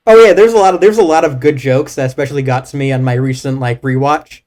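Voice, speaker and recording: A man's voice: medium pitch, fast talker, a little mellow. A man in a casual movie chat, talking in a rambling, hesitant way with many fillers. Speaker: co-host.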